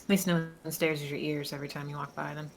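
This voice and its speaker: A woman calmly playing her character in a tabletop role-playing game, with a dry manner. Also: deep voice, quick pace, rough recording. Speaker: player.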